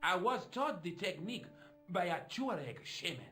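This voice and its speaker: A man's voice: high voice, lively intonation, moderate pace, sharp tone, soft background music. An actor playing a chatty, theatrical French café man in a video game, with a French accent. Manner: theatrical, melodramatic, fussy.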